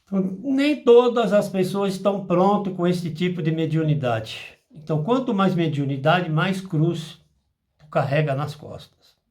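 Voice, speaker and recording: A man teaches an informal spiritual class. His voice sits high for a man, and he keeps slipping into short acted exchanges to make his points. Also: a little slow. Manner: animated, acts out dialogues in asides.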